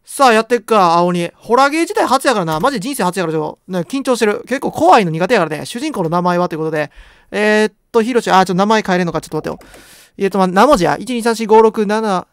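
A man's voice: high-pitched, lively intonation, fast, smooth, dry recording, clean studio sound. A young man with a Kansai accent giving joking, rambling commentary while playing a horror game. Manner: joking, rambling, self-deprecating banter. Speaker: game streamer.

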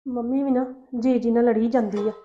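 An actress playing a young daughter-in-law grumbling quietly at home. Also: female voice, fairly high pitch, fairly even intonation, brisk, highs cut off, soft background music, natural voice.

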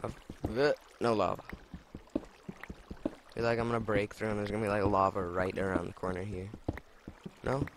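A man's voice: lowish voice, level tone, normal speed, long pauses, background noise. A young man casually commenting as he plays a game, chatty and prone to swearing and exclamations at what he finds. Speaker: let's play gamer.

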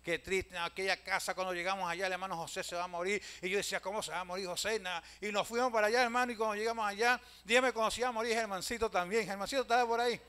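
A man, a pastor telling stories in a sermon, swinging from loud calls to hushed asides and often addressing listeners as brother. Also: sits high, fairly even intonation, racing, hardly any pauses, smooth. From Venezuela. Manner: storytelling preacher, swings from loud calls to hushed asides, keeps saying "hermano".

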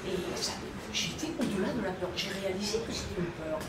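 A woman speaks earnestly from the audience, circling back over her own words. She is distant and roomy, with heavy noise behind her. Her voice sits at a middle pitch. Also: lively intonation, a little fast. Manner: earnest, questioning, repeats herself. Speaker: audience member. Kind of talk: discussion with speaker. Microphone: far room microphone. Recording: echoey room, distant mic, loud noise.

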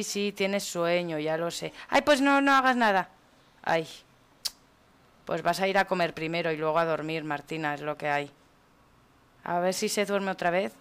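A woman's voice: on the low side, moderate pace, clean tone. A woman from Spain giving casual, chatty let's-play commentary, exclaiming and talking to the characters in her game. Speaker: gaming YouTuber.

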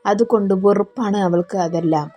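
A woman's voice: mid-range voice, normal speed, dark tone, soft background music, natural voice. A woman voicing a spirited, loyal young woman who speaks firmly and scolds. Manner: firm, scolding.

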